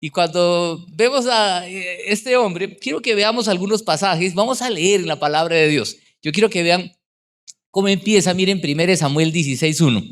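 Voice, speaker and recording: A man's voice: high voice, moderate pace, fairly bright tone. A middle-aged man, a pastor preaching a sermon in a conversational way and putting questions to the congregation.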